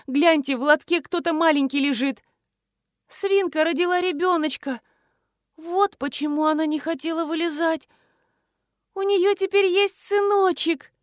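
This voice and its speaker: A woman's voice: sits high, expressive, measured pace, no room sound, studio quality, pitched above the performer's own voice. Fussy anxious housekeeper, read by a woman. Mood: fussing. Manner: fussy, panicky, cooing.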